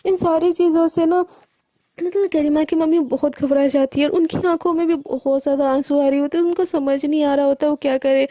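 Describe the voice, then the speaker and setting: Young woman rambling thru a story, high pitched, dry mic. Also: steady tone, a little fast, mellow, no echo. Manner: chatty, mixes English words, frequent restarts. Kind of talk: casual spoken storytelling.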